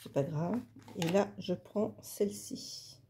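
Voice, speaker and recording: A woman's voice: fairly low pitch, slow, background noise. A woman hosting a casual craft video, talking through her work in a chatty, hesitant way with many fillers. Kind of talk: casual craft tutorial talk.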